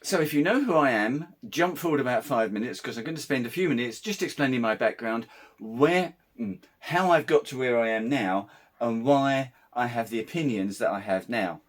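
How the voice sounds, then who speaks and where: A man with a slightly croaky throat talks through a camera comparison in a relaxed, meandering way. His pitch sits in an ordinary middle range, and he sounds like a working wedding photographer chatting to his viewers. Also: moderate pace. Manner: conversational, meandering. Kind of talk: casual camera review vlog.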